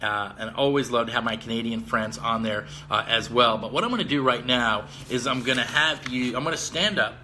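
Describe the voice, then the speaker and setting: Man, motivational live-stream host, upbeat pep talk, bright forceful voice, outdoors, faint ambience behind. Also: medium pitch, brisk, few pauses, a little hiss or hum. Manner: upbeat, pep-talk delivery, addresses viewers directly. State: a little out of breath.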